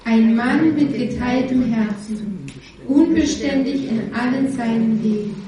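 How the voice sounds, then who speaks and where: A woman's voice: on the high side, measured pace, background noise. A woman interpreting a sermon into German, steadily repeating each line after the preacher. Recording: echoey hall, distant mic.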